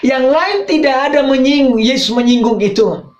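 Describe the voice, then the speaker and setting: A male pastor delivers a sermon, his voice leaping up for emphasis and sinking into hushed asides. The sound is roomy, with plenty of echo from the space around him. The recording itself is dull and a little muffled. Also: moderate pace. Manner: emphatic preaching that swings between loud high phrases and low quiet asides.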